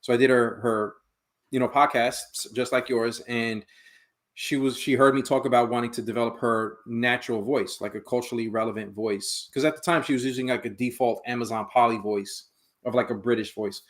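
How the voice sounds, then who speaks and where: A man's voice: medium pitch, a little fast. A man guest on a podcast telling his story with animation and acting out what others said. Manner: animated storyteller who acts out quotes. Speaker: guest, founder of an AI project. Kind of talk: casual podcast interview.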